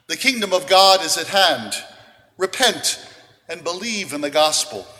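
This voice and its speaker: A priest with a high, bright voice reads the gospel and preaches in a measured, deliberate way, pausing between phrases. Every word carries a long cathedral echo, as if spoken in a large church. It sounds like a man giving a homily from the front of a big, open nave.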